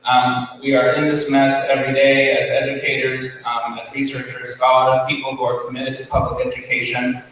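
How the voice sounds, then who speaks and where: A man's voice: medium pitch, monotone, moderate pace, hardly any pauses, a bit bright, slight background noise. A man giving a conference keynote to educators, earnest, with many ums and restarts, recorded from far off. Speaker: keynote speaker. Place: school hall with audience. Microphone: far from the recording device. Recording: roomy hall from far off, faint ambience.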